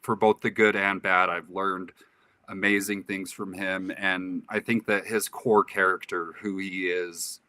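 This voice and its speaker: A man in his late thirties, a guest in a casual interview, speaking earnestly and candidly in short, halting phrases. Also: sits low, little pitch movement, sharp tone. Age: 30s. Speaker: podcast guest. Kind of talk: casual reflective interview talk.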